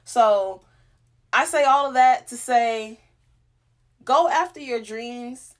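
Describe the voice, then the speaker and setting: A woman speaks in a fairly high voice, sharing her journey as a motivational vlogger. Her delivery is emphatic, animated and full of casual slang. She records on a phone inside a small closet. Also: slow pace. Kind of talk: candid motivational storytelling to camera.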